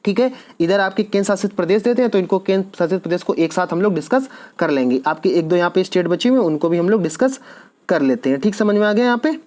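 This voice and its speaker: A man's voice: high-pitched, lively intonation, fast, a little mellow. A man teaching an exam-prep lecture, posing quiz questions and answering them himself, repeating each key answer.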